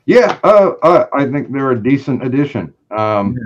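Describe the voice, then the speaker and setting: A man's voice: mid-range voice, very animated, slight background noise. A man co-hosting a podcast, talking casually and hesitantly. His voice arrives over a video call with a thin, metallic, tin-can ring. The audio is dull and lo-fi throughout. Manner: hesitant, halting delivery. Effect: tinny, metallic-sounding voice. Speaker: podcast co-host and writer. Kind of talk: casual chat. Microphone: video call app.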